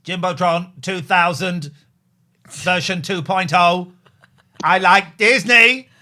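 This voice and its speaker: A man voicing a glitching male robot caller. He speaks in slow, loud, clipped phrases and repeats himself as if malfunctioning. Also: high voice, exaggerated voice. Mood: stilted. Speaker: podcast co-host.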